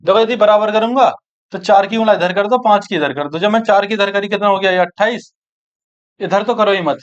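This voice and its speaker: A man teaching an exam-prep maths lesson, brisk and coaxing, who keeps checking that his students follow. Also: sits high, highs cut off.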